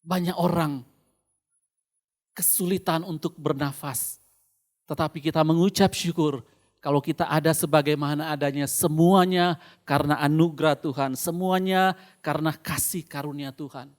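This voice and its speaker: An Indonesian man preaching a sermon through a face mask, slightly muffled, deliberate, pausing and repeating phrases for emphasis. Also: a little high, fairly even intonation.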